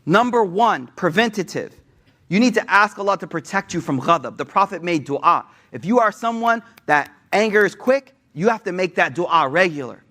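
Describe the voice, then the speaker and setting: A young man giving a casual religious talk to an audience, energetic and conversational, with slang and restarts. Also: sits high, moderate pace. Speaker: Islamic speaker.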